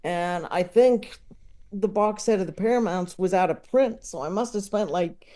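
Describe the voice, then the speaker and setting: Here a comedy fan appears as a podcast guest, his voice high and dark in tone at an ordinary pace. The conversation is casual and opinionated about films, and as he analyzes what he enjoys he often stalls, thinking aloud.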